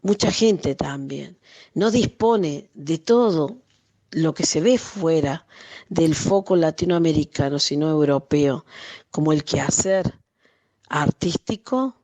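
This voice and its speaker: An Argentine woman in her late fifties, who works as an artisan and translator, reflects thoughtfully on words during an interview. She speaks with an Argentine Spanish accent in a low, warm voice, often pausing and restarting as she searches for the right phrasing.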